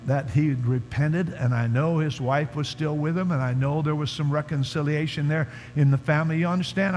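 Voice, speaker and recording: A man's voice: a little high, darkish tone, slight background noise. A man preaching a sermon at a conference, telling a story emphatically and calling out to the congregation. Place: large conference hall. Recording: reverberant hall, faint music underneath.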